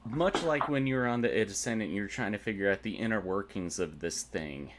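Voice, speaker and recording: A man's voice: lowish voice, fairly quick, noisy background. A man narrating a tabletop game as game master, methodically explaining rules and dice rolls.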